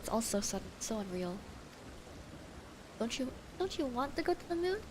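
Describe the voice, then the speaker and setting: A woman's voice: a little high, big pitch swings, normal speed, noisy background. A woman voicing a weary farmer who is worried about leaving, speaking in a subdued, rambling way. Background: game music.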